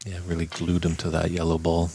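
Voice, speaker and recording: Flat, low-voiced snooker commentator. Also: male voice, creaky, a little hiss or hum. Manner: measured, flat, analytical.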